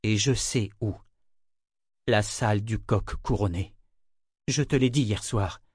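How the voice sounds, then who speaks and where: A man's voice: lowish voice, slow, a little mellow, husky, no room sound, clean studio sound. A man doing a bitter, insistent woman. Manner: harsh, bitter.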